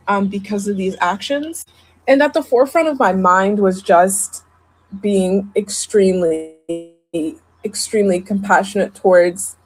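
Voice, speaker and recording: Young woman, mid pitch, hesitant confessional video, lots of filler and restarts. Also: slightly rough. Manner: halting, hesitant, many ums and restarts. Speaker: social media video poster.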